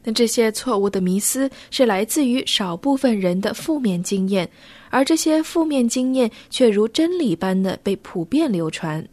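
Measured female radio co-host, dry studio. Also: a little high, lively intonation, darkish tone, no room sound.

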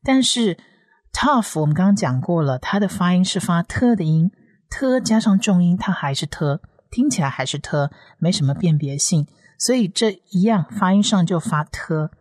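A woman teaches Hebrew reading one letter at a time. She speaks in a fairly low voice and draws out each sound, saying it two or three times over. The recording is dry and close, with no room sound. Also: lively intonation, moderate pace, darkish tone, no echo. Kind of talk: explaining letter by letter, slow repetitions.

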